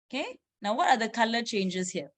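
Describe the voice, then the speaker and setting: A woman teaching chemistry over a video call, her voice sitting a little high. She moves briskly through questions, checks answers and keeps saying "okay" between steps. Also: big pitch swings. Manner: brisk, quizzing students, frequent "okay". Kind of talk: online class revision lesson.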